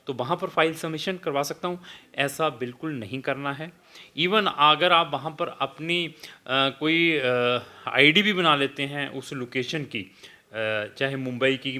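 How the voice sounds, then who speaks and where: This immigration consultant, a man with a medium-pitched, sharp-toned voice, speaks steadily in an advisory video aimed at students. English phrases slip into his explanations, and he frequently stops on "uh".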